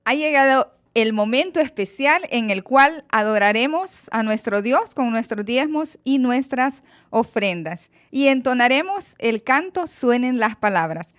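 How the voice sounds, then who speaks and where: A woman's voice: on the high side, expressive, a little slow, few pauses, a bit bright. A woman presenting parts of a church service with formal, welcoming announcements.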